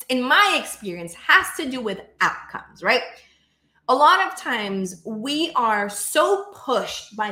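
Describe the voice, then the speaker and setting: Solo podcast host, young woman, lively and conversational, bright tone, roomy echo. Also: mid-range voice. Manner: energetic, conversational, acts out inner voices, often asks "right?". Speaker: podcast host and business coach.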